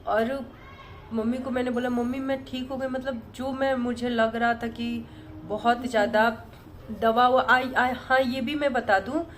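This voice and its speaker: A woman vlogger telling a personal story in a casual, rambling way, softly and with many fillers and restarts. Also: on the high side, fairly even intonation, unhurried, slight background noise.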